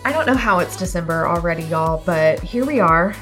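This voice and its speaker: A woman in her thirties hosting a casual solo podcast, chatty and upbeat with a self-deprecating streak, her voice hoarse from a cold. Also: fairly low pitch, lively intonation, fairly quick, fairly bright tone, soft background music. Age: 30s. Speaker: podcast host.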